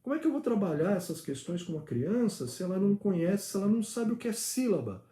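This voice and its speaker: A man's voice: high voice, dark tone, echoey room. A man, a father teaching his daughter at home, giving a reflective spoken opinion with hesitations and little acted-out exchanges. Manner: reflective, argumentative, many hesitations and acted-out dialogue.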